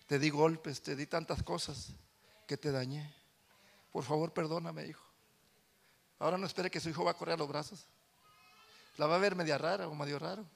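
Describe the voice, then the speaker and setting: A man preaching a sermon as pastor in a church, animated, swinging from soft confiding talk to loud shouting. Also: on the high side, normal speed, vocal fry, long pauses.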